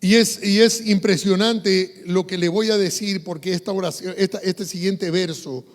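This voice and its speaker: A male pastor with an Ecuadorian Spanish accent preaching a sermon, moving between hushed passages and fervent, loud ones. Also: high voice, steady tone, moderate pace. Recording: long hall reverb.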